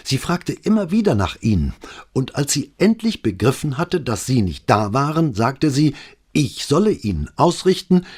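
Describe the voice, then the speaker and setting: A man's voice: medium pitch, big pitch swings, moderate pace, a little mellow, slightly rough, pitched above the performer's own voice. A man voicing a flustered, out-of-breath police sergeant who stammers out an urgent report. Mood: agitated.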